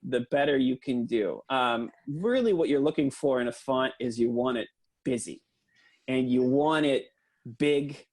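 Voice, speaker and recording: A man doing an earnest, deadpan mock lecture for a comedy podcast, with lots of hesitant fillers. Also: mid-range voice, a little slow.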